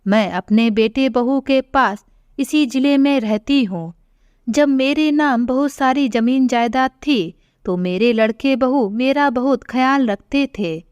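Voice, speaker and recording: A woman voicing a frail elderly widowed mother who speaks softly and tearfully in an audio story. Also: high voice, slow pace, smooth, dry recording, highs cut off. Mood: sorrowful.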